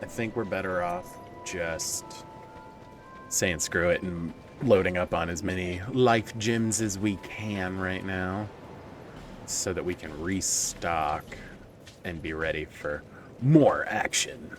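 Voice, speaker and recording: A man's voice: low-pitched, fairly even intonation, takes it slowly, faint music behind. A man giving casual, joking commentary while playing a video game, talking to himself and swearing at enemies.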